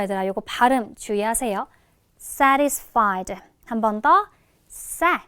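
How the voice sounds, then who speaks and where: Female lecturer, friendly teacher talk, slow drawn-out pronunciation drills, dry close mic. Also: on the high side, a bit bright, clean tone, dry recording. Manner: addresses students as kids, models pronunciation slowly. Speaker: English teacher. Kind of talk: recorded online lecture.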